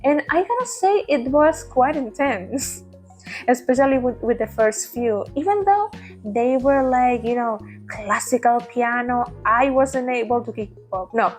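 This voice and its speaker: A woman vlogging in a casual ramble, laughing often and restarting her words, recorded on a tablet at home. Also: high-pitched. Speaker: vtuber vlogger. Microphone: tablet mic.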